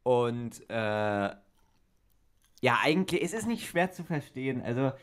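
A man's voice: mid-range voice, animated, a little slow. A man of about twenty chatting on a podcast, explaining eagerly and correcting himself as he goes. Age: 20s. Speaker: podcast co-host. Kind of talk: casual chat.

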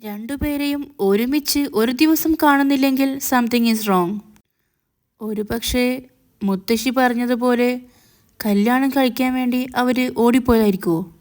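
A woman voicing a worried young woman in a TV serial retelling, musing aloud to herself. Her inner thoughts come out slightly higher, smooth and clear. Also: a little slow, darkish tone, close to an everyday voice. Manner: musing, alarmed.

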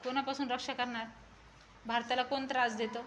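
A woman's voice: high-pitched, flat delivery, brisk, fairly bright tone. Coaxing schoolteacher woman, noisy classroom. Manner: coaxing, repeats questions, urges children to speak up. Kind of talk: classroom questioning of young pupils. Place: school classroom full of children.

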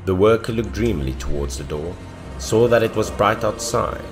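A man's voice: lively intonation, normal speed, over music. A man narrating a horror story in a scripted, dramatic storytelling manner. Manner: dramatic storytelling with swings in pitch and loudness.

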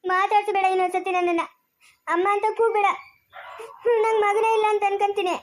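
She plays a harsh village mother in an amateur family drama, scolding her young son by asking the same questions again and again. Her pitch is extremely high, her tone steady, and her delivery brisk.

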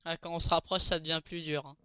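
A man's voice: on the high side, little pitch movement, fast talker, sharp tone, smooth, no room sound, clean studio sound. A man hosting casual gameplay commentary, chatty and hesitant, with many fillers and restarts. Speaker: gaming channel host.

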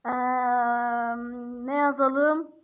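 A high-voiced woman chats through a video in an unhurried, drawn-out way. She teases and bursts out in exasperation, laughing often and stretching words slowly as she dictates. The recording sounds dull and lo-fi. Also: fairly even intonation. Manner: teasing, exasperated outbursts and frequent laughter; drawls words slowly while dictating what to type. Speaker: YouTuber. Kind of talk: casual screen-recording commentary.

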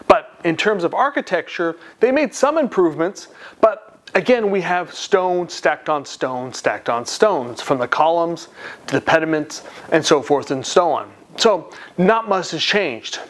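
A man presenting an art history lesson on camera, talking in a relaxed, conversational way with pauses. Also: a little high. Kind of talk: casual on-camera explainer. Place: at his studio and on sites, partly outdoors.

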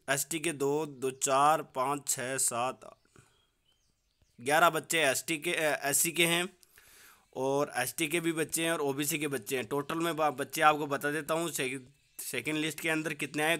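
A man explains a results notice as if walking a friend through it, brisk and repetitive, always reassuring. His voice is bright and sits slightly high. It keeps a fairly flat, even line. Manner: brisk, repetitive, reassuring, addresses viewers as brother. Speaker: YouTube job-news host. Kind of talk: screen-recorded explainer. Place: voice-over on a phone screen recording.

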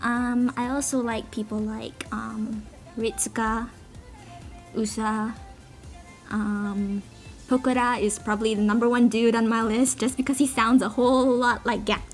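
Speaking at a measured pace in a level, fairly high voice, this amateur cover singer answers a voice meme for her online audience. Her chat is rambling and playful, full of giggles and self-deprecation, while background music plays.

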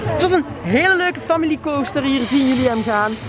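A man's voice: extremely high pitch, expressive, fairly quick. A man vlogging in a casual, chatty way while walking outdoors in a theme park, talking to his viewers and rating what he sees. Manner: chatty, rates rides, addresses viewers directly. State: out of breath while climbing. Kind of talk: casual vlog talk to camera. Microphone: handheld camera, at times a phone at arm's length. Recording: outdoor crowd noise, loud background. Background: crowd and ride noise.

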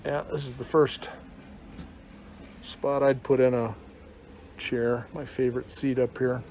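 Wearing a face mask that slightly muffles him, a man rambles through a casual tour of an old scrapyard bus with dry jokes. His medium-pitched voice is level, a little slow, gravelly and a little mellow. Recorded on a handheld phone, the audio is noisy with vehicle ambience.

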